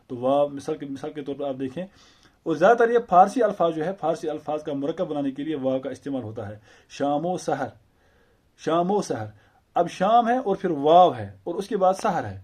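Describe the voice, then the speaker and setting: A man teaching an Urdu grammar lesson, explaining slowly and patiently with repeated examples and rhetorical questions. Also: a little high, darkish tone.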